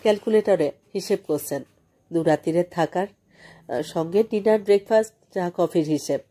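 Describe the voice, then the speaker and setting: A woman narrating a mystery audiobook in a measured storytelling manner. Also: lowish voice, warm tone.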